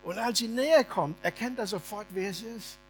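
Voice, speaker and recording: Brief: animated male preacher, colloquial and funny, retelling a story. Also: high voice, normal speed, faint music behind. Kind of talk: sermon told as a lively story.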